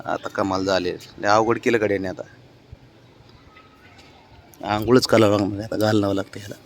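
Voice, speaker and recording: A man's voice: lowish voice, level tone, a little fast, a little hiss or hum. Man coaxing his pet outdoors. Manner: coaxing, doting baby talk, gently scolding. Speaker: vlogger walking his pet cat. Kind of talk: casual talk to a pet. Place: outdoors, in sun and shade.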